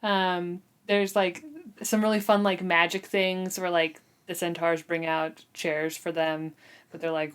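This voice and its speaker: This woman co-hosts a book discussion podcast, and her voice sits on the low side with a clean tone. She recaps a novel in a relaxed, giggly, chatty way.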